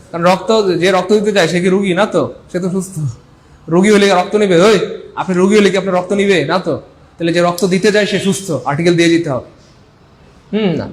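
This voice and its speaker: A man with a Bangladeshi accent delivers an exam-prep grammar lesson in a notably high voice. He talks with energy, repeats each point and keeps quizzing his listeners. A faint hiss and some room ambience sit behind him. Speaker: English teacher.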